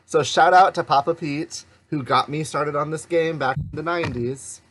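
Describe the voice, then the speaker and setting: A man's voice: a little high, steady tone, moderate pace, fairly bright tone. A man from the Pacific Northwest hosting a let's play, chatting in an upbeat way and guiding the player. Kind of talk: casual chat.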